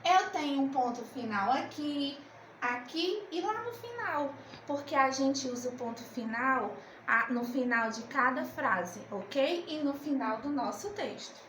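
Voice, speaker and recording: Slow, high-voiced woman teacher. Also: expressive, a bit bright, reverberant, a little hiss or hum, rough recording. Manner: slow, coaxing, asks and answers her own questions. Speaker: primary school teacher. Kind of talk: remote literacy lesson.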